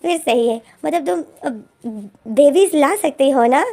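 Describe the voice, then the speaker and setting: A woman voicing a fussy, excitable middle-aged mother who asks shrill, fretful questions, in a storytelling narration. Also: a little slow, creaky. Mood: excited.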